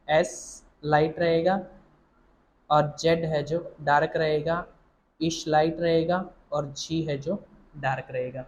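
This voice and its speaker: A man's voice: on the high side, darkish tone, slight background noise, rough recording. A man teaching shorthand, explaining each point step by step, repeating himself and quizzing the listener.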